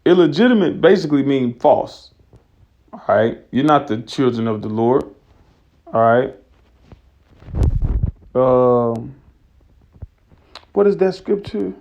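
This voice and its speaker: A man teaching scripture in a loose, conversational way, slowing down to read verses aloud. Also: mid-range voice, animated, gravelly, darkish tone, lo-fi sound. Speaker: religious teacher.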